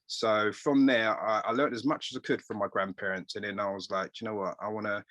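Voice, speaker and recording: A middle-aged man, a tailor being interviewed, telling stories in a rambling, animated way and quoting voices. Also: on the low side, a little fast. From England. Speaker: guest tailor. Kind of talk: casual interview storytelling.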